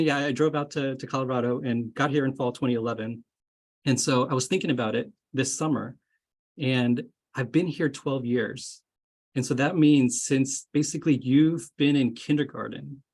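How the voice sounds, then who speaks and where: Speaking at a normal pace with a steady, medium-pitched voice, a man in his thirties addresses incoming students over a video call. He's an associate dean who moved around growing up, mostly in Florida. His casual webinar talk is friendly, rambling and packed with fillers, and he's indoors, either at home or in an office.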